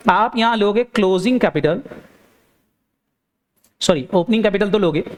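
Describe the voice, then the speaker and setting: Quick-quizzing male accounting teacher. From India. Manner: drills students with rapid questions, then answers himself lower; urging, repeats phrases for emphasis. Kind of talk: classroom lecture.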